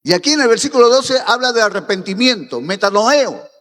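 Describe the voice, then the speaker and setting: A man's voice: very high voice, lively intonation, a little fast, fairly bright tone. A man from Peru preaching a sermon as pastor, pressing his points and rising to emphatic peaks. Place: church hall. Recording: reverberant church hall.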